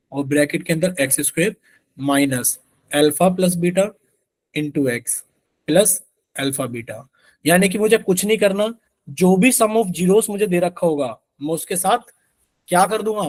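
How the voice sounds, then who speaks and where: A man teaching a live online math class in a fairly high voice. The sound is dry and close, as if into a headset on a call. He keeps quizzing his students and answers for them in their voice. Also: dry recording. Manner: asks students questions constantly, voices their replies as "sir".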